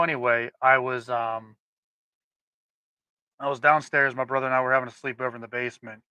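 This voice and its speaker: Bright-voiced man telling a spooky story. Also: medium pitch, dry recording, rough recording. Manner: storytelling, rambling with restarts. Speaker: podcast co-host. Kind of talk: casual chat.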